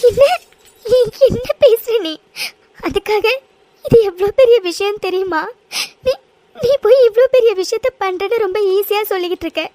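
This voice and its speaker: Woman doing a high, sobbing young cartoon heroine who stammers her pleas. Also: quick pace, warm tone. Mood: tearful, desperate. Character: young woman, tearful and pleading. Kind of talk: cartoon voice acting.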